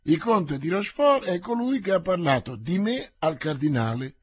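A man reading the part of a boastful, slow-witted, hearty male musketeer in an audiobook, with bluff exclamations. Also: high voice, big pitch swings, slightly rough, no echo, pitched above the performer's own voice, full character voice.

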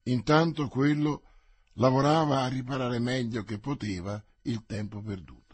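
A man narrating a novel aloud in an expressive, measured reading. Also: mid-range voice, breathy edge, no room sound. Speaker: audiobook narrator. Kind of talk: scripted narration.

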